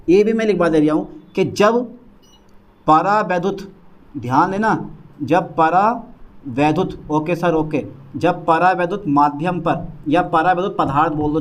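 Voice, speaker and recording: A man with a high voice teaches a physics lecture, dictating notes phrase by phrase. He repeats key words over and over and keeps quizzing his students as he goes.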